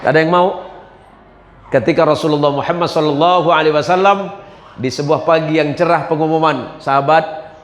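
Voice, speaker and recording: A man's voice: moderate pace, slight background noise. A man, preaching a humorous sermon and telling stories at a mosque gathering. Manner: lively storytelling, swings between low asides and raised exhortations. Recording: echoey hall with long reverb, faint ambience.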